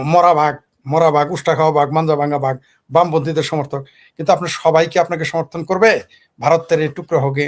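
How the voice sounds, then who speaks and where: A man from Bangladesh with a Bangladeshi Bengali accent, giving heated political commentary on a talk show and firing off rhetorical questions. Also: high voice. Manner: combative, fires rhetorical questions.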